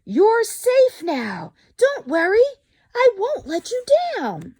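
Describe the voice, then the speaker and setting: A woman voicing a big, gentle, protective male elephant in an earnest, emphatic way for a children's storybook. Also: very high-pitched, wildly swooping pitch, slow pace, voice pushed up, full character voice. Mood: reassuring.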